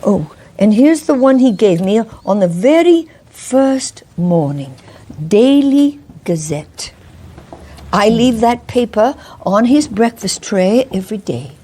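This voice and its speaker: A woman's voice: fairly high pitch, animated, slow pace, warm tone. A woman playing a nervous, deferential Victorian landlady in a mystery role-play, with a stammering, frightened manner. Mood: anxious, deferential.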